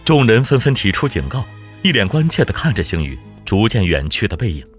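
A man narrating a fantasy novel in a dramatic, expressive storytelling manner, with faint music behind. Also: lowish voice, a little fast. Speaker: audiobook narrator.

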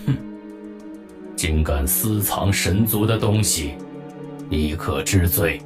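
A man's voice: deep voice, slow, over music, voice pushed down. A man voicing a ruthless alien soldier who barks threats in a sneering, commanding way. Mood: menacing. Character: cold menacing alien soldier, male, ruthless.

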